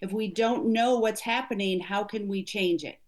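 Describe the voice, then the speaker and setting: A woman's voice: medium pitch, moderate pace. A middle-aged woman, an executive coach, speaking earnestly and emphatically as an interview guest. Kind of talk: conversational interview.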